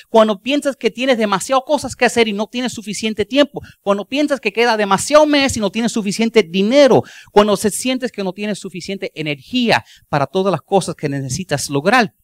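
Male pastor, high voice, joking folksy sermon, dry close sound, English words mixed in. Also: fairly bright tone, dry recording. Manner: folksy, joking storyteller with rhetorical questions; mixes English words into Spanish.

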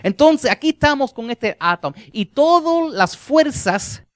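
Predicador animado, voz muy expresiva. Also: male voice, unhurried, dry recording, clean studio sound. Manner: animated, sweeping from soft low endings to loud emphatic lines. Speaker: preacher. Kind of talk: sermon.

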